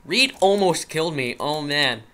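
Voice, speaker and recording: A man's voice: on the high side, expressive, unhurried, fairly bright tone, a little hiss or hum. A nervous young man rambling to himself while commentating a survival game he is playing. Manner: jittery, rambling, talks to himself. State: nervous, shaky. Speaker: gaming channel host. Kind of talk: Minecraft commentary.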